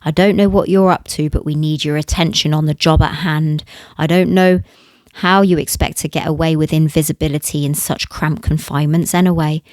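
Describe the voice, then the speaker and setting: A woman voicing a huge, gruff military major who speaks curtly and dismissively. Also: low voice, fairly even intonation, a little fast, darkish tone, dry recording, close to an everyday voice. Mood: stern. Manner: curt and dismissive.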